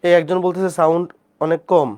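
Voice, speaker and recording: A math teacher with a Bangladeshi Bengali accent gives a live online class lecture. The teacher has a fever, speaks softly, and keeps checking in with the students. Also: mid-range voice, level tone, brisk, clean tone.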